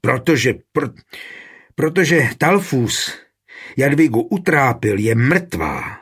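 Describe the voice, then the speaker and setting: A coarse, quick-tempered lord of a castle, as the narrator puts him on. He talks gruffly and bluntly in a husky voice, sitting a little higher than the narrator's own. It plays out like a storybook reading. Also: lively intonation. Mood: angry.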